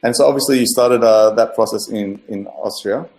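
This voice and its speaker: A man's voice: fairly low pitch, normal speed, vocal fry, darkish tone. A man hosting a podcast, asking long rambling questions with many fillers in a casual interview. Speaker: podcast host.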